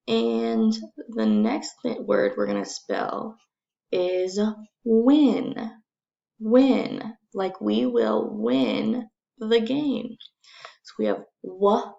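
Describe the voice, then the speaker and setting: Creaky-voiced woman, encouraging kindergarten teacher. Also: mid-range voice, lo-fi sound. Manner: kindergarten-teacher manner, encouraging, simple repeated phrases; sounds out letters and words slowly and distinctly. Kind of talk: recorded phonics lesson for young children.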